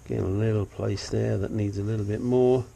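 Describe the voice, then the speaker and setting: Sniffling now and then, an older engine hobbyist walks through his work in a cluttered garage at home in a blunt, talkative, self-mocking way. His fairly low voice is steady, brisk, creaky, and mellow, on poor audio with faint background noise.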